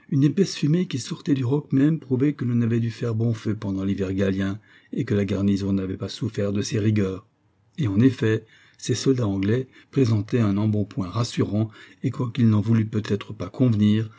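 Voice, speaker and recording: A man reading a classic novel aloud as an audiobook narrator, plain and steady, with little change of voice for quoted dialogue. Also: on the low side, husky.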